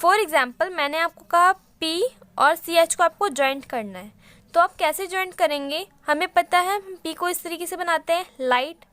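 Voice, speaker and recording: A woman's voice: extremely high pitch, a bit bright, no echo. A woman teaching a shorthand lesson in a casual mix of Hindi and English, explaining each step patiently.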